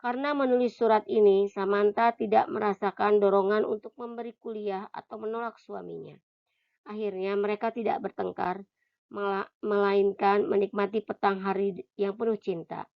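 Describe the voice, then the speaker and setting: A woman reads a self-help audiobook in a calm, measured voice at an ordinary middle pitch. Short listed phrases drop away soft and hushed. The recording is slightly dull and lo-fi. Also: vocal fry. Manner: calm, measured reading that drops soft and quiet on short list words. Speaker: audiobook reader. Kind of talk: scripted audiobook reading.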